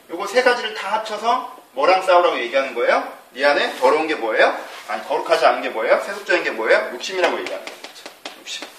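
A man's voice: medium pitch, bright, forceful tone. A man giving a casual Bible teaching talk who keeps asking rhetorical questions and then answering them himself. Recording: roomy and distant, faint noise.

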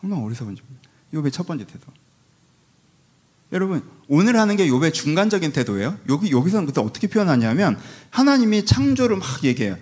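Animated, fast-talking male preacher. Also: on the high side. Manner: lively, conversational preaching with rhetorical questions and acted-out quotes. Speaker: pastor. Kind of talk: sermon.

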